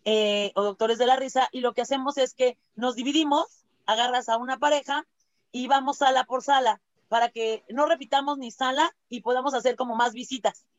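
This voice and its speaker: Her stories are lively and full of acted-out quotes, fillers and tag questions as this Mexican-accented laughter doctor chats casually with an interviewer. She talks a little fast in a high-pitched voice, with no room sound in the recording.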